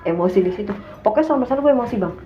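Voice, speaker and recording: Fast-talking woman with Jakarta slang. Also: a little high, faint music behind. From Indonesia. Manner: animated, acts out quotes in a raised voice. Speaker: guest. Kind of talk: casual storytelling. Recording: echoey room, dull sound, faint hum.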